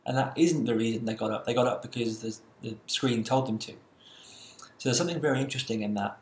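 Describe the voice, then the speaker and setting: A man delivers a university lecture at a mid-range pitch, explaining step by step with the odd "uh". The recording picks up a roomy echo and a faint hiss underneath. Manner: explanatory, measured, with some fillers.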